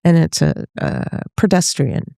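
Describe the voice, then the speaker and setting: Interview guest: middle-aged woman from Northern California, low-key gravelly voice, dry close sound, chatty with restarts. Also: big pitch swings, measured pace, dark tone, no echo. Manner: chatty, laughs often, trails off and restarts. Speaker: guest, voice teacher. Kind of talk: casual interview chat.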